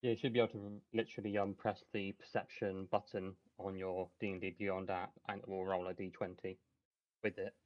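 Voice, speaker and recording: A low-voiced man runs a tabletop game session, halting and full of ums as he explains the rules. His voice comes through dull, lo-fi call audio. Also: little pitch movement. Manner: hesitant, many fillers. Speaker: game master.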